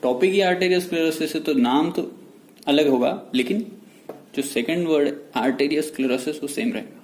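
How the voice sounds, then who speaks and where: A man giving a medical lecture in a mix of Hindi and English. He explains slowly and repeats key terms. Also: on the high side, a little mellow. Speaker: medical teacher. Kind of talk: whiteboard lecture. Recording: echoey room with faint noise.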